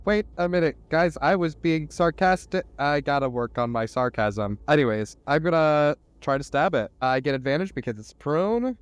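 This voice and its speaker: Smooth-voiced man calling dice numbers. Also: on the high side, moderate pace, few pauses, no echo. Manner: matter-of-fact, reads out dice numbers. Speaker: player. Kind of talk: casual tabletop play.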